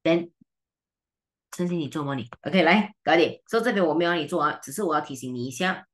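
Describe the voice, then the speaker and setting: A woman tutor with a Malaysian Mandarin accent, teaching an online seminar in a brisk, teasing way and mixing in English and Malay. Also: low voice.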